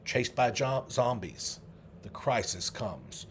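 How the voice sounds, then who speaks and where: A middle-aged man, a memory trainer, leading a guided memory exercise, coaching the listener through vivid images with slow, drawn-out repetition. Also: mid-range voice, lively intonation, a little hiss or hum. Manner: slow, drawn-out repetition with sudden loud "ta-da" bursts; vivid, coaxing visualization instructions.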